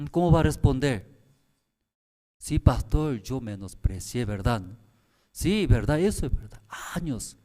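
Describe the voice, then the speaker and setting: A man preaching a sermon at a prayer service in halting, broken phrasing, repeating himself and pressing the congregation with rhetorical questions. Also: mid-range voice, dark tone. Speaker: pastor.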